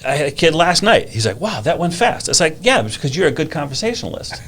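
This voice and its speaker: A man's voice: fairly high pitch, sing-song, fast talker, a bit bright. A man in his fifties, a teacher and driving instructor, chatting casually on a podcast and telling stories with a gift of gab. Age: 50s.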